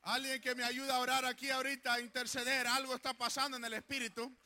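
A middle-aged man pastor preaching a fiery sermon that swells into shouted declarations. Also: extremely high pitch, little pitch movement, fast talker.

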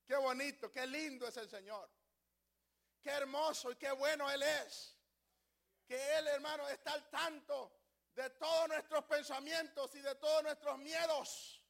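An older man preaching a sermon, swinging from loud exclamations to quiet asides and acting out little voices. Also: very high-pitched, steady tone, measured pace, vocal fry. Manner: swings from shouting to hushed asides, acts out voices. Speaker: pastor.

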